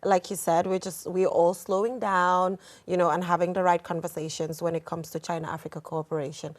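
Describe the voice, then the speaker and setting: Lively woman TV host. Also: fairly low pitch, brisk. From the Gambia. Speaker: TV host and news reader. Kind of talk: conversational interview answers.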